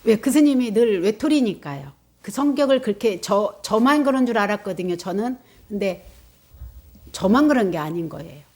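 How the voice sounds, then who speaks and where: Buddhist nun telling a lively story. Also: female voice, medium pitch, normal speed. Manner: lively storytelling, acting out quotes, gasping. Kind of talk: dharma talk. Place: meditation center.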